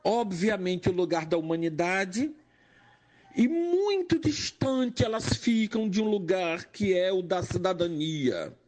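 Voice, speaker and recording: Older Pernambucan man, nurse-educator; slow, measured testimony with rising emphasis. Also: sits high, a little mellow. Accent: Pernambuco Portuguese. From Brazil, Pernambuco. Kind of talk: personal testimony monologue.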